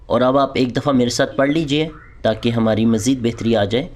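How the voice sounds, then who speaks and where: A man teaching prayer recitation in an online lesson. He explains each point patiently, then recites long, drawn-out model lines for students to repeat. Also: mid-range voice.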